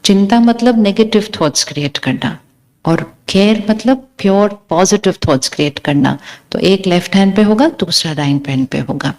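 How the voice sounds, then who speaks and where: A woman delivers a spiritual talk to a gathered audience at a middle pitch. She quizzes her listeners and counts off single words in a slow, teaching way. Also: expressive, a little mellow. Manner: questions the audience, lists words one by one. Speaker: spiritual speaker.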